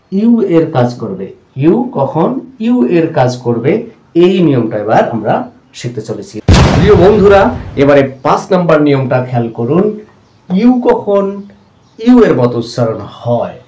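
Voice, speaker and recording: A man teaching English pronunciation rules. His voice is mellow and dark. He repeats each example word slowly and keeps calling his viewers friends, and the recording has a roomy echo. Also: on the high side. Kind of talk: explanatory lesson.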